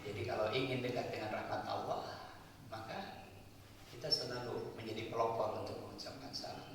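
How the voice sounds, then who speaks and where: A man preaches in a mosque hall, talking his listeners through each point and answering the questions he puts to them. His voice carries a long, booming reverb and sounds set back from the microphone. A faint hum of room noise sits underneath. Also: fairly even intonation, normal speed. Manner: explanatory, asks and answers his own questions, tags lines with "ya". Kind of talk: sermon. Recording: echoey hall, voice from far off.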